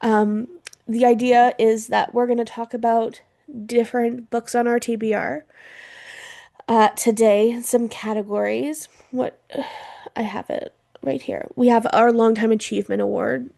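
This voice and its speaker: A woman's voice: fairly high pitch, little pitch movement, a little slow, creaky, mellow, dry recording, studio quality. A woman co-hosting a podcast in casual chat, chatty and laughing often, her throat irritated from smoke. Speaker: podcast co-host.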